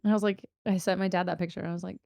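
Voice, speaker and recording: A woman's voice: lowish voice, little pitch movement, rapid-fire, vocal fry, dark tone, no echo, studio quality. A woman co-hosting a casual podcast, rambling and laughing often as she chats with her co-host. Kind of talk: casual chat.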